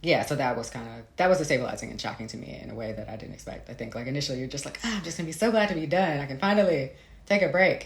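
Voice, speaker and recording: Speaking casually in an interview, this American author feels her way through her ideas with a very deep, gravelly, fry-laden voice. She's reflective and hesitant, laughing often and leaning on "like" and "you know." Her room echoes noticeably, with faint background noise.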